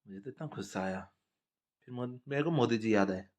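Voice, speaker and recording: A man's voice: mid-range voice, fairly quick, a little mellow. A man from India telling crude comic stories in a blunt, profane, conversational way. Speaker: storyteller. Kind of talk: crude comedic monologue.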